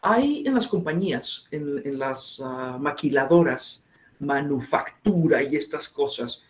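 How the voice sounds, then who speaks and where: A man's voice: fairly high pitch, lively intonation, unhurried, roomy sound. A man giving an interactive online lecture, asking his audience many questions. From northern Mexico. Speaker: webinar speaker.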